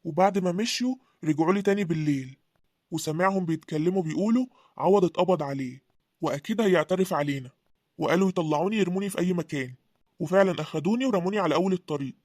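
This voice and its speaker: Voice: mid-range voice, very fast, no room sound, studio quality, natural voice. A voice actor doing a weary young Egyptian husband. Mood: recounting. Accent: Egyptian Arabic. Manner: calm, earnest storytelling.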